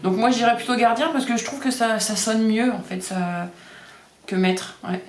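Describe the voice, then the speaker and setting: A woman's voice: on the high side, moderate pace. A woman doing a casual card reading, talking hesitantly with many fillers and repeating the card words. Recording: echoey room.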